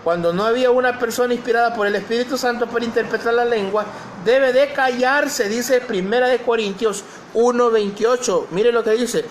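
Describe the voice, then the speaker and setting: A man's voice: very high voice, moderate pace, hardly any pauses, slight background noise. A male pastor preaching a sermon, posing questions to the congregation and reading scripture aloud.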